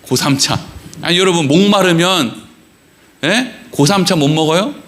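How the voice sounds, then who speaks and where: A man pastor preaching a sermon in a church, animated and joking with the congregation, acting out quoted voices. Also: on the high side, unhurried. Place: church sanctuary.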